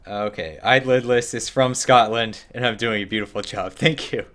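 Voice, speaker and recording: A man's voice: on the low side, normal speed, fairly bright tone. A man streaming a game, chatting casually about it and reading chat, rambling and self-mocking. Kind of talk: casual gameplay commentary.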